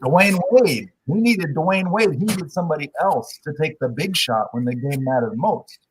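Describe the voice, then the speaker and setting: A man guesting on a sports podcast, telling opinionated stories in a casual, animated way. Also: a little high, normal speed, slightly rough, rough recording.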